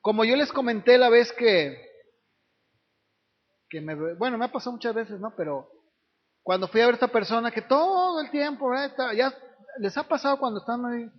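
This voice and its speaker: A man's voice: very high voice, lively intonation, brisk, pauses often. A man preaching a sermon as pastor, often tagging his points with rhetorical questions to the congregation. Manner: preaches with frequent rhetorical tag questions, acting out voices of others. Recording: reverberant hall, dull lo-fi sound.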